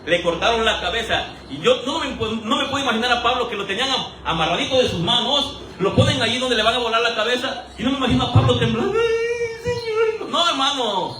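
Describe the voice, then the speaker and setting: Male preacher, high bright voice, lively rhetorical sermon style, mic at a distance in an echoey church. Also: fast talker, hardly any pauses, slight background noise. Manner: animated, rhetorical questions, acts out quoted voices for humor. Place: church hall. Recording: roomy echo, voice from a distance.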